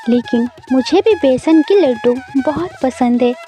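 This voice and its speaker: A woman voicing a meek little girl who pleads softly. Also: high voice, animated, a little slow, soft background music. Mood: pleading. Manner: pleading, timid.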